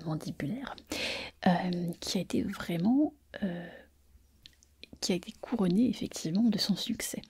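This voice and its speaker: A woman's voice: mid-range voice, dark tone, slightly rough. A woman whispering in an ASMR roleplay, playing a chatty, self-satisfied pregnant surgeon close to the mic. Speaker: ASMR performer.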